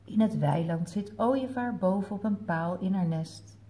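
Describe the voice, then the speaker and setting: Dutch woman reading to little kids, slow, soft dark voice, goes up and down a lot. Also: mid-range voice. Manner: gentle, slow storytelling that asks the children questions. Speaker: children's story reader. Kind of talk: reading a picture book aloud to toddlers.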